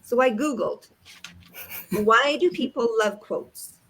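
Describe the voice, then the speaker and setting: A woman's voice: fairly high pitch, animated, takes it slowly, a bit bright, breathy edge. An older woman from Canada hosts a casual group video call in a friendly, organized way. She keeps things moving and reads short passages aloud. The sound is a typical video-call mic. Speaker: host.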